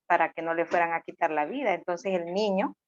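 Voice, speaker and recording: A woman guest speaking slowly and reflectively, with fillers. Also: on the low side, no room sound. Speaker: panel guest. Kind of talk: personal testimony. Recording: dry muffled lo-fi audio.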